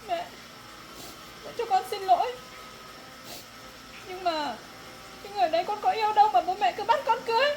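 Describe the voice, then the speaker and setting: A woman's voice: very high-pitched, a little fast, long pauses, background noise. A young woman acting as a daughter who pleads against and refuses a forced marriage. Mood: pleading. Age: young adult. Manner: pleading, defiant. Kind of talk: family drama acting.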